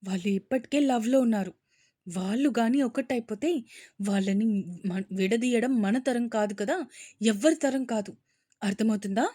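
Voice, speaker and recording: A woman voicing a spoiled, scheming young woman who rants loudly on the phone at her father. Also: on the high side, normal speed, long pauses, no room sound, clean studio sound, lightly acted. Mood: scheming, insistent. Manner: loud, angry ranting.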